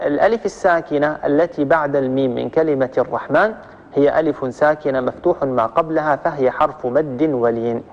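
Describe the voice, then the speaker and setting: A man with a Libyan accent gives a patient tajweed lesson, his voice sitting a little high for a man. He goes through each rule step by step and repeats it, stretching out the example words. The sound is dull and hangs in a long hall echo. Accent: Libyan Arabic. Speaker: Quran recitation teacher.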